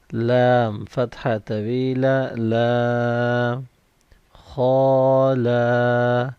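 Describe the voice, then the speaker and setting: Slow, clear male Quran reading teacher. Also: medium pitch, a little mellow, no room sound. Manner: spells out each letter and vowel, then blends the syllables slowly. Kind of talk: slow syllable-by-syllable recitation drill. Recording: dull, slightly lo-fi dry recording.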